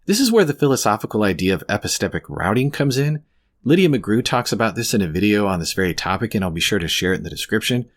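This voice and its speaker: A man's voice: on the low side, husky. A man delivering scripted, conversational video commentary as a host, with wry, sarcastic asides.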